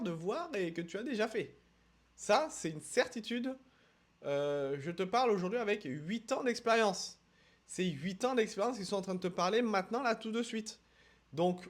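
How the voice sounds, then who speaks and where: A man from France teaching English in a casual video lesson, emphatic, repeating words for stress and talking straight to the viewer. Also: high voice. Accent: French accent when speaking English. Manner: addresses viewer directly with quick asides.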